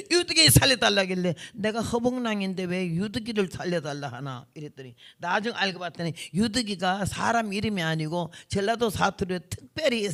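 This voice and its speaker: A woman's voice: on the low side, vocal fry. A woman in her seventies, a missionary revival preacher, telling her testimony in a vivid, blunt, folksy way, acting out what people said. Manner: vivid, blunt, folksy storytelling with acted quotes. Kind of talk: sermon testimony storytelling.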